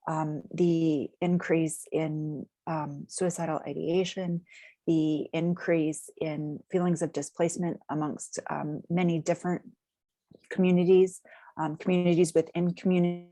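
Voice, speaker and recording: A woman with a low, deep voice answers interview questions for a community agency. She talks in measured, jargon-heavy phrases and leans on plenty of filler words. The sound is dry and close, with no room echo. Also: level tone, warm tone.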